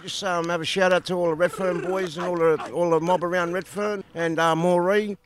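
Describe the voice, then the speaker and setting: An Australian man, a dance teacher, speaking with relaxed pride. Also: sits high, brisk. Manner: proud, relaxed. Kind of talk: interview.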